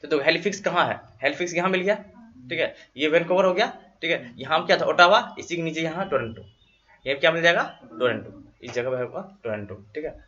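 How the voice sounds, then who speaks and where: Teacher, male, slightly high and bright, dictates notes and quizzes the class; dull lo-fi classroom recording. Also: lively intonation. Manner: dictates notes slowly, repeating words and asking students questions. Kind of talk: classroom geography lesson.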